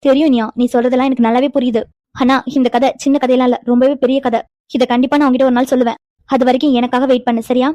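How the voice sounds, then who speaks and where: A woman's voice: high voice, flat delivery, very fast, warm tone, no echo, muffled recording, close to an everyday voice. A woman voicing an earnest, emotional young woman in a cartoon, an older-sister figure who speaks gratefully. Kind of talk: animated cartoon dialogue.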